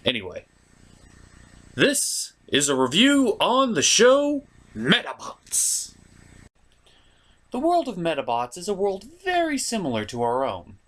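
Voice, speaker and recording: A man hosts a comedic review show, narrating a script in an animated, theatrical, exaggerated style full of mock exasperation. His voice is high, and he takes it slowly with frequent pauses.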